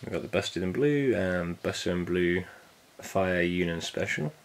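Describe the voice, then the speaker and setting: A man with a low, deep voice and a gravelly, fry-heavy edge talks through an unboxing in a relaxed, offhand way. He cracks small jokes and drops the odd swear word as he goes. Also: measured pace, a little hiss or hum. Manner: laid-back, jokey, swears casually. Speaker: vinyl collector vlogger. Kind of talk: casual unboxing chat.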